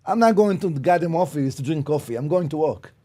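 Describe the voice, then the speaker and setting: Fast, animated and mellow, with a fairly high voice, a commercial real estate broker in his fifties talks bluntly about his real estate journey. He was originally from Israel and often checks in with "okay?" during this casual podcast interview, recorded on a studio mic.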